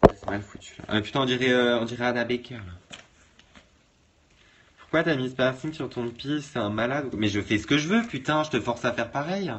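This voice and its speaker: A man's voice: mid-range voice, animated, fairly quick, a little hiss or hum. A man vlogging in a sassy, camp way, swearing freely and mocking people. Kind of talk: casual vlog chat.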